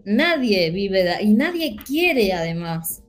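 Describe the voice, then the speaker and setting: With soft background music, a medium-pitched Argentine woman speaks slowly in a Rioplatense accent. She sounds earnest and animated during a casual panel talk, filling pauses often.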